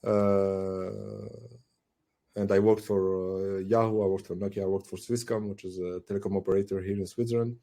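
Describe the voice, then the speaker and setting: A man's voice: sits low, flat delivery, moderate pace, warm tone. A man in his forties from Tunisia, a podcast guest talking thoughtfully with many fillers and restarts. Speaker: guest, AI director. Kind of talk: casual podcast interview.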